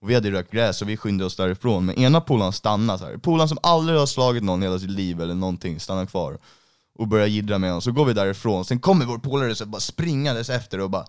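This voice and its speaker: A young man in casual chat, telling an animated story full of slang. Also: lowish voice, clean tone.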